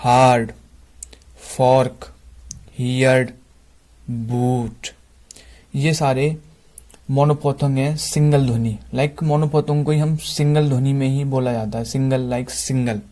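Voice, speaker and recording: A man with an Indian accent teaching English phonetics in Hindi, slowly repeating each example word. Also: medium pitch, steady tone, dark tone. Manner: slow, repeats example words one by one. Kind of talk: Hindi-language phonetics lesson.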